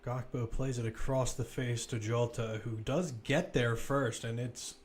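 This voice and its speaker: A male commentator narrates a football game live, keeping it casual as he talks and thinks through the action. He speaks in a mid-range voice, steady and a bit slow, over slight background noise.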